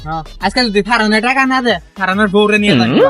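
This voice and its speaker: A man's voice: sits high, lively intonation, quick pace, sharp tone, soft background music. A man with a rural Bangladeshi Bengali dialect, playing the moneylender's hot-headed sidekick in a comedy skit.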